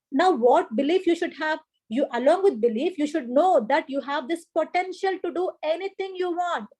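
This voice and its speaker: A slightly mellow, high female voice belongs to an online exam coaching teacher with an Indian English accent. During a live video-call class she greets students by name, encourages them, and repeats the key points, speaking into a laptop or headset microphone.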